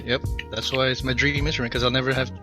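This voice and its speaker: A man's voice: mid-range voice, little pitch movement, quick pace, bright, forceful tone, soft background music. A man in casual podcast chat, joking and enthusiastic.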